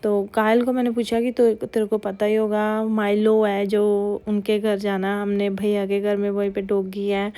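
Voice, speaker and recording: A woman's voice: mid-range voice, monotone, normal speed, few pauses, warm tone. A woman narrating a family vlog as a mother, chatty. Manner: chatty, scolding kids in quoted asides. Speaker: vlogger mother. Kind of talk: casual voice-over narration.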